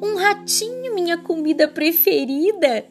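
A woman's voice: extremely high pitch, expressive, soft background music, pitched above the performer's own voice, exaggerated voice. A woman voicing a big, hungry storybook monster who is easily astonished. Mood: amazed. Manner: astonished, slow and wondering.

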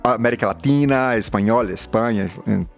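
A Brazilian activist, a native Portuguese speaker, gives interview answers in a second language, speaking passionately but often pausing to search for words. His mid-range voice has vocal fry at normal speed, with faint music in the background.

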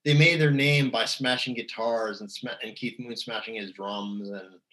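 A man's voice: mid-range voice, fairly even intonation, moderate pace, sharp tone, poor audio. A man in casual conversation, talking at length with many fillers and restarts. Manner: rambling, chatty, lots of fillers and restarts. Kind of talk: casual music chat.

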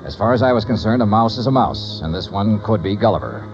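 A man's voice: lowish voice, lively intonation, fast talker, music in the background, close to an everyday voice. An actor playing a wry, hardboiled male investigator who narrates in first person and questions people in a dry, wisecracking way, in a 1950s radio drama. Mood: narrating. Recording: dull lo-fi 1950s radio recording.

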